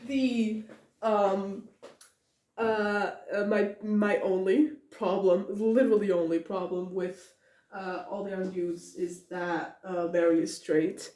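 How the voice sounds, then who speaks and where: Speaking at a slow pace in a mid-range voice, a young woman podcaster rambles about a book in a roomy space. She giggles often, leans on "uh"s and restarts, and keeps adding excited asides.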